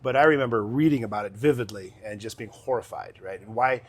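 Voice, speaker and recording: A middle-aged city council member answers interview questions in a measured, explanatory way, pausing as he goes. His voice sits at a medium pitch.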